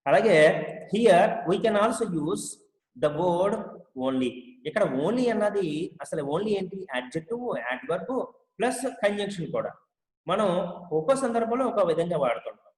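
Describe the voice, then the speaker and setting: A man teaching English grammar to Telugu speakers, explaining step by step, repeating each example and reading English sentences out slowly. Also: high-pitched, very animated, a little mellow. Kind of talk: spoken English lesson. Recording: echoey room with long reverb.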